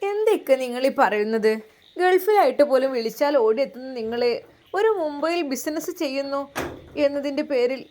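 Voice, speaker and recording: A gentle young pregnant wife with a fairly high voice, coaxing and consoling, as a woman puts her on for a spoken storybook. Her tone is soft and pleading. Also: animated, normal speed, slight background noise.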